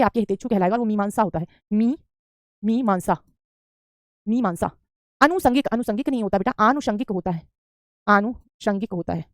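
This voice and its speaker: Female tutor: quick, drilling delivery, keeps repeating answers, very dry recording. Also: medium pitch, dry recording. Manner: answers student questions, says "beta" often; repeats correct spellings for drill. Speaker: Hindi teacher. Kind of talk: online exam-prep class.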